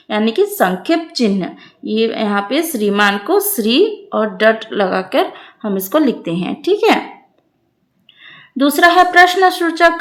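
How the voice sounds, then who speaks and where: A woman with an Odia accent, patiently explaining grammar homework answers as a teacher and checking in often with her students. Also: high voice. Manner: reads example sentences slowly.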